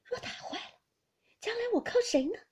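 A woman voicing an anxious noble mother near fifty, in a soft, breathy half-whisper for an audiobook of a classic novel. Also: fairly high pitch, very animated, normal speed, full character voice. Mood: grieving.

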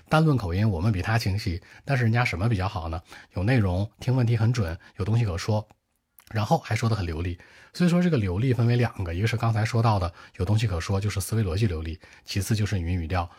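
Fast-talking husky-voiced male teacher. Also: lowish voice, a little mellow. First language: Mandarin Chinese. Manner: brisk, direct, addresses viewers. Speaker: IELTS speaking teacher. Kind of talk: exam tips lesson.

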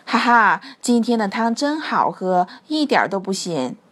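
A woman voicing a kind, cheerful father rabbit in a children's story, gentle and joking. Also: mid-range voice, expressive, a little slow. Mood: delighted.

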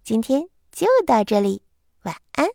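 Woman bedtime-story reader, somewhat high voice, gentle with kids, very dry close mic. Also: expressive, measured pace, creaky, dry recording. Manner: gentle, addressing children. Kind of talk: bedtime picture-book reading.

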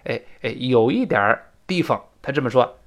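A man teaching English pronunciation, repeating phrases slowly to demonstrate them. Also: medium pitch, lively intonation. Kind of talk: pronunciation lesson.

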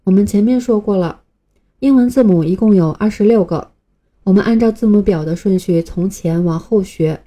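Woman, teacher, patient beginner lesson, very dark mellow voice, mid pitch. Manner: patient, clear explanations with drawn-out example sounds. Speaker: English teacher.

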